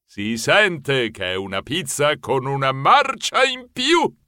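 A man doing a slow, genial mouse pizzaiolo. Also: mid-range voice, sing-song, clean tone, no room sound, clean studio sound, voice pushed down, full character voice. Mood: friendly. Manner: slow, solemn, warmly assured. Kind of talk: audiobook character voice.

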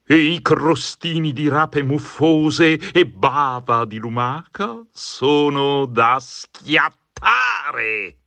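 A man voicing a gleeful skeleton host who relishes revolting food, with a drawn-out delivery in a storybook reading. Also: fairly high pitch, animated, creaky, pushed and bright, no room sound, full character voice. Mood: relishing.

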